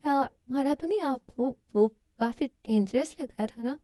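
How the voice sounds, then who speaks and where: A woman's voice: high voice, moderate pace, warm tone, no echo, clean studio sound, natural voice. A woman dubbing a worried young woman who asks anxious questions. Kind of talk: fan Hindi dub of a love story.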